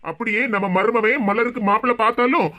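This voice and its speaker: A man voicing a gruff middle-aged father with a Kanyakumari Tamil accent in a cartoon comedy. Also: extremely high pitch, fairly even intonation, quick pace, pushed and bright, lo-fi sound. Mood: firm. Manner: gruff, firm. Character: blustering middle-aged father, hospitable to guests.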